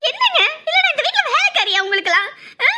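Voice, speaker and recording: A woman's voice: very high voice, big pitch swings, fast talker, noisy background, voice pushed up. A woman voicing a proud young daughter-in-law who protests at being treated like a servant. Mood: upset. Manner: upset, protesting.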